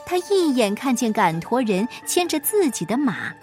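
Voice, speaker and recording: A woman storyteller reading a folk tale aloud in an expressive storybook style. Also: fairly high pitch, moderate pace, faint music behind.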